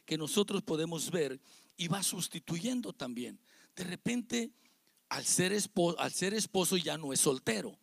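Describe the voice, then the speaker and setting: At a church service, a pastor with a Mexican Spanish accent preaches an evangelical sermon to his congregation in a fairly high, creaky, fairly bright voice, recorded dry. He's emphatic and repetitive, using rhetorical questions.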